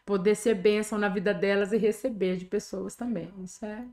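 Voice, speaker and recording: A middle-aged woman pastor from Brazil with a Brazilian Portuguese accent, speaking at a medium pitch. She gives a heartfelt testimony in an earnest, chatty podcast way. She keeps checking in with her listener through tag questions. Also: steady tone, brisk, a little mellow. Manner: earnest, tags sentences with "né". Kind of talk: conversational testimony.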